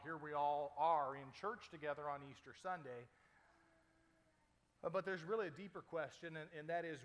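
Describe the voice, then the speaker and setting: Male pastor from Arizona, sermon in church, easygoing conversational delivery, slightly higher-pitched voice. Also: fairly bright tone, big-room sound. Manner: conversational, folksy asides and light jokes.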